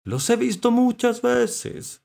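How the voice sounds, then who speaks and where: A high, slow little mollusk. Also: male voice, very animated, gravelly, darkish tone, exaggerated voice. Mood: worried. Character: tiny wise old mollusk living underwater.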